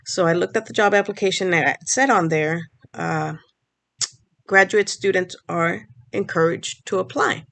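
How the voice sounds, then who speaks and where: A woman who speaks Spanish as her first language vlogs to camera, explaining things conversationally and restarting phrases as she goes. She's a speech pathology grad student, and her lowish voice is creaky and a bit bright at a moderate pace.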